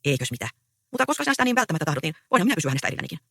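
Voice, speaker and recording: Brief: a reader doing a confident, reassuring young farm man in a read-aloud play, bright, lively delivery. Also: medium pitch, no room sound, clean studio sound, full character voice. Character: young peasant man, proud and easygoing.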